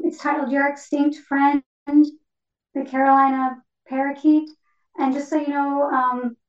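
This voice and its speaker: A woman poet with a high voice talks in a chatty, informal way on an online call. She sits well away from the mic. The sound is dull and lo-fi. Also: darkish tone. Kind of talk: casual chat on an online call. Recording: distant echoey lo-fi online call.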